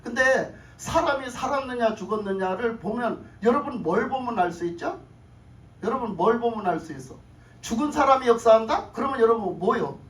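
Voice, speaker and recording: A woman's voice: fairly high pitch, expressive, normal speed. A woman pastor preaching a sermon, often asking the congregation questions, repeating her phrases and chuckling. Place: church sanctuary. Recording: echoey room, voice from far off, faint noise.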